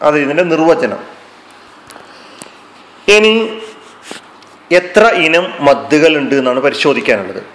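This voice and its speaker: A man's voice: mid-range voice, very animated, a little slow, pauses often, fairly bright tone, slight background noise, low-quality recording. A man teaching a Quran recitation class, explaining terms patiently and repeating them. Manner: fillers, restarts and hesitations. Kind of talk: classroom lesson.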